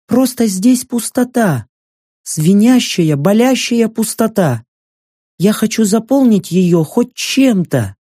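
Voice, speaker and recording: A haunted young woman fighter, put on by a male narrator, speaking in a soft, mellow, pleading voice. She talks slowly, and her pitch rises and falls in a lively way. The sound is close and dry. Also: no room sound, full character voice. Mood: yearning.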